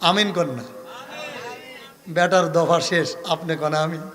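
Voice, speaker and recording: A male preacher with a Bangladeshi Bengali accent, giving a sermon at a religious gathering over a microphone, chanting prayers in a sing-song way and calling on the crowd to shout back responses. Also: a little high, steady tone, takes it slowly. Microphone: public address microphone.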